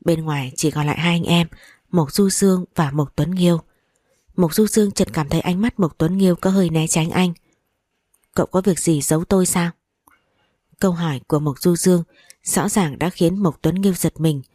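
A woman narrating an audiobook in a steady, even reading voice. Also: deep voice, dry recording, studio quality. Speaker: story narrator.

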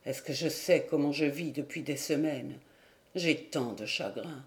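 A grieving young man speaks in a low, broken voice, his words choked with tears, as a woman reading a storybook puts him on. The tone is soft and mellow, pitched well under the reader's own, with a timbre that sounds unlike her usual voice. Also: slow. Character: grief-stricken young husband, haggard, sobbing.

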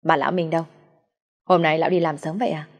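A woman reading the lines of a blunt, caring young female friend who talks in a brisk, bossy way. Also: low voice, steady tone, in a large hall.

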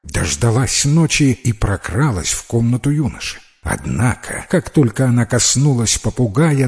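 A man narrating a fairy tale in an expressive storytelling manner. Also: medium pitch. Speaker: reader.

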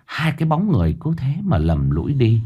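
A man narrating a ghost story in a tense, expressive storytelling manner. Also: medium pitch, fairly quick, breathy edge.

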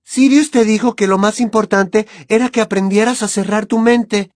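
A woman's voice: medium pitch, fairly even intonation, moderate pace, darkish tone, dry recording, studio quality, natural voice. A woman voicing a clever, anxious teenage girl witch who talks with urgent earnestness. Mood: urgent, pleading.

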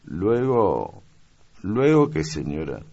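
A man voicing a lively, chatty young servant girl in a high, eager voice in an audiobook reading. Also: slow pace, dull audio, full character voice.

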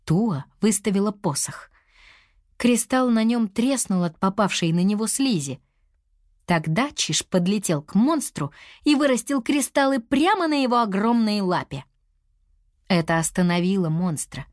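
Expressive woman reading a children's story. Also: mid-range voice, measured pace, no room sound, studio quality. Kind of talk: storybook narration.

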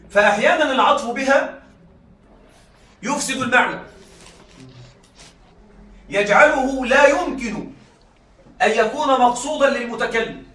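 A man lecturing to a classroom, often repeating himself and asking if the students are with him. His voice sits high and sounds bright. He was recorded from a distance in a room with a strong echo. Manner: repeats points and checks students follow. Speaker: teacher of Arabic rhetoric. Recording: echoey room, mic far off.

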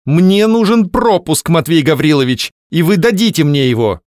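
A man's voice: a little high, big pitch swings, fast, a little mellow, dry recording, studio quality, pitched above the performer's own voice. A man voicing a cold, defiant young woman. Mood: cold insistence. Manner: cold, clipped, haughty.

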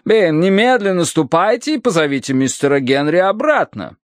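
A man's voice: sits high, lively intonation, normal speed, dry recording, clean studio sound, voice pushed up. A man reading an audiobook voices a haughty, imperious older Victorian lady in a raised, commanding tone.

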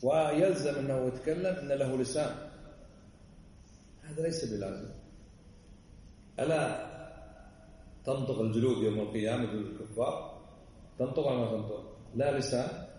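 A man's voice: medium pitch, normal speed, long pauses, warm tone. Man lecturing from afar in an echoey hall. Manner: emphatic, fires rhetorical questions. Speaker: religious teacher. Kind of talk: lecture explaining a classic text. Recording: echoey hall, voice far from the mic, faint background noise.

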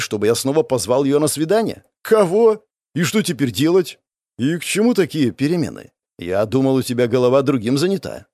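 Expressive male audiobook narrator. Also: medium pitch, dry recording. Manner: expressive, sardonic, acts out the hero. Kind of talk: first-person fiction narration.

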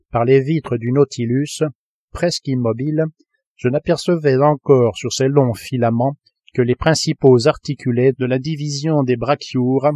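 A man reading a classic novel aloud as an audiobook narrator, in a measured, literary storytelling manner. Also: mid-range voice, darkish tone, no echo. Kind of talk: scripted narration.

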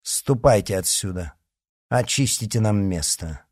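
A man's voice: fairly low pitch, expressive, a little slow, darkish tone, husky, no echo, studio quality. A man reading a story aloud and voicing a haughty nobleman who speaks in an imperious, commanding way. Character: haughty commanding male nobleman leading riders. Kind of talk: audiobook character reading.

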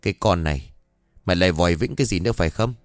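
A man's voice: sits low, animated, racing, dry recording, clean studio sound, soft background music, voice pushed down. A man voicing a stern middle-aged mother who scolds her daughter bluntly and sharply. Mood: scolding, shocked.

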